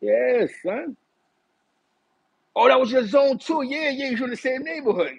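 In a very high, husky voice with vocal fry, a middle-aged man from East Harlem unhurriedly tells stories as host of a live chat. He has a New York City accent, gestures a lot, and is animated as he looks back, sitting in a small bright room. The recording is dry and muffled.

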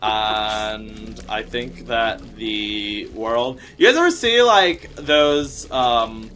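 A man's voice: lowish voice, extremely slow, sharp tone, pitched below the performer's own voice, full character voice. A man putting on a ditzy Valley Girl monk. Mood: bubbly. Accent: California Valley Girl. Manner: ditzy, peppered with "like" and "totally". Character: bubbly airheaded Valley Girl Buddhist monk. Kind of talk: improvised comedy bit.

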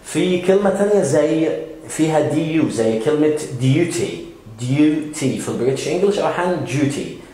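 Egyptian male English teacher, brisk, patient, hesitant fillers, reverberant room. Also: on the high side, dark tone. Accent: Egyptian Arabic. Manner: patient, with many "aah" fillers, models words slowly. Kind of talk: explanatory language lesson. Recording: very echoey room.

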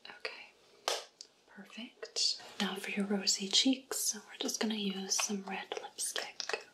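A young woman in a whispered role-play as a kindly backstage makeup artist, softly whispering close to a microphone in a small room. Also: mid-range voice, steady tone, takes it slowly, natural voice. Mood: brisk caring. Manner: gentle unvoiced whisper, close to the mic. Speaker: ASMR creator. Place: small indoor room with purple light. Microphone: close studio microphone.

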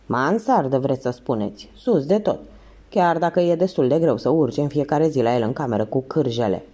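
Woman putting on a nosy grumbling concierge, lively and indignant, mellow tone. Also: rumbling low. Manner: quick, defensive and indignant. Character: suspicious gossipy old female concierge.

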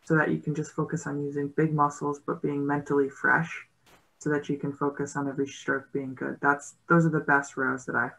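A woman's voice: low voice, little pitch movement, fairly quick, vocal fry, a bit bright, poor audio. A woman in her thirties, a rower on a panel, speaking on a video call in a thoughtful, hesitant way with many fillers. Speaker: guest rower. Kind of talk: casual panel discussion. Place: indoor home room. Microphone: video call laptop mic.

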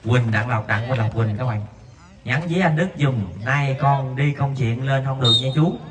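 At an outdoor floodlit five-a-side pitch at night, a man commentates a local football match, reading viewer messages between plays and jumping sharply higher on shots. He talks at a moderate pace, recorded from a distance with music in the background.

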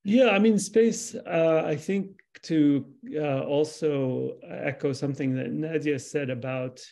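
A man in his sixties from Lebanon, a translator speaking thoughtfully on a video call panel, with many pauses and restarts. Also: on the high side, gravelly, warm tone. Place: home room with framed pictures. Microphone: video call webcam.

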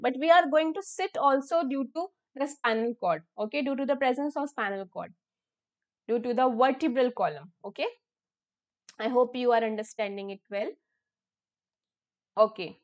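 A woman's voice: sits high, animated. A woman science teacher with an Indian English accent gives an online lesson. She mixes English and Hindi and keeps checking with "okay?". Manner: filler-heavy, repeats terms slowly for students.

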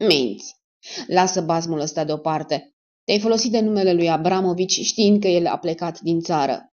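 A woman's voice: on the low side, close to an everyday voice. A woman reading the part of a stern male security major who presses a suspect with cold sarcasm, in a dull lo-fi recording. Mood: pressing.

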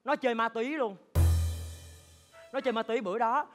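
A man in a stage comedy sketch playing a sharp-tongued, gossipy old woman who sells drinks, talking with a Southern Vietnamese accent. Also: very high-pitched, a little fast, soft background music. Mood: scandalized.

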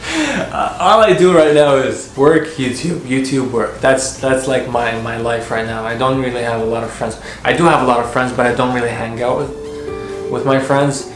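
A man in his twenties casually answering viewer questions in a relaxed, chatty way, with lots of fillers and restarts. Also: mid-range voice, normal speed, hardly any pauses, over music. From Canada and Qatar. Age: 20s. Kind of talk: casual Q&A vlog. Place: home office, then outdoor courtyard. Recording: echoey room with clear background noise.

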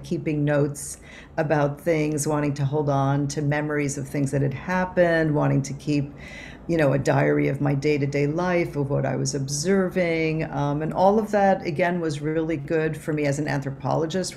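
A woman from Cuba, an author and anthropologist, answering interview questions over a video call in a reflective way with many pauses and restarts. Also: low voice, gravelly, warm tone, slight background noise. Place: home office.

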